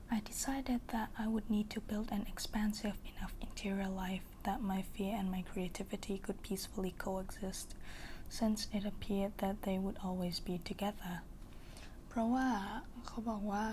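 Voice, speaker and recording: A woman voicing a caring girlfriend in a whispered role-play, soft breathy pillow talk, as if reading her partner to sleep. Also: mid-range voice, a little hiss or hum.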